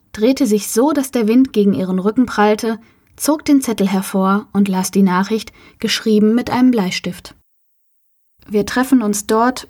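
A woman reading a short story aloud in a calm, measured narrating voice. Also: medium pitch. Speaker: reader. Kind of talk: audiobook narration.

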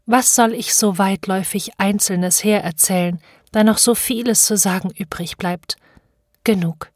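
A woman narrating an audiobook of classic literature with measured, dramatic storytelling. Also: medium pitch, a little mellow, no echo, studio quality.

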